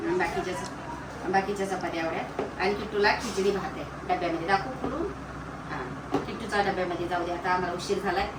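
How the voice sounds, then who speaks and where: A young woman who runs a family vlog chats with viewers while coaxing her toddler along. Her mid-range voice sounds reverberant, and the phone video picks up clear street noise.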